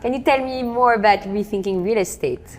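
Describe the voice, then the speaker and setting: A woman's voice: medium pitch, brisk. A woman interviewing a guest in a showroom, friendly, laughing often between questions. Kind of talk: conversational interview. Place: furniture showroom.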